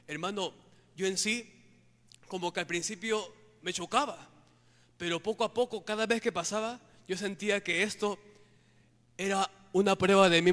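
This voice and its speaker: A man preaching fervently, his voice high and bright. He keeps turning to his listeners as brothers while telling his testimony. The sound rings with the long echo of a church hall. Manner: fervent, calls listeners "hermano" constantly. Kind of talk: testimony sermon.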